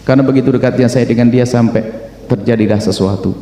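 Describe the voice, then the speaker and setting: A man voicing a remorseful young wife who pleads softly and tearfully in a story within a sermon. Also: mid-range voice, fairly even intonation, quick pace, slight background noise, voice pushed down, lightly acted. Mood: pleading. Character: remorseful young wife confessing her past. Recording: echoey hall with long reverb.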